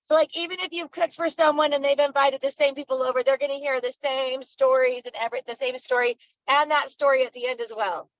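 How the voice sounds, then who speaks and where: A woman's voice: high-pitched, fairly even intonation, brisk, no echo, dull audio. A woman asking a question on a video call, hesitant and casual with many fillers. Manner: hesitant, lots of "like".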